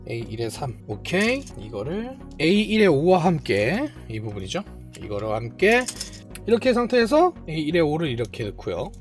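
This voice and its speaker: Kit builder narrating a build, swooping pitch, self-praising, muttering to themself, faint music underneath. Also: big pitch swings, moderate pace. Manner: chatty, talks to self while building; playfully boastful, self-praising. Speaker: model kit reviewer. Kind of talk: hands-on build commentary.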